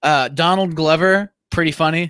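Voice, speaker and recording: A young man with a fairly high voice talks through a movie review in a loose, chatty way, full of "like" and quick asides. The sound is close and dry, with no room around him. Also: smooth, dry recording. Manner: chatty, many "like" fillers, mimics characters in a loud voice. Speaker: podcast co-host. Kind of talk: casual movie review chat.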